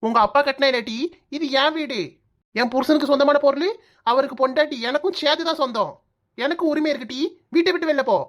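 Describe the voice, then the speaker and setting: A woman voicing a cheeky, sharp-tongued young daughter-in-law in a cartoon comedy, with a Kanyakumari Tamil accent. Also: high-pitched, fast, close to an everyday voice. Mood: assertive. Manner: cheeky, taunting.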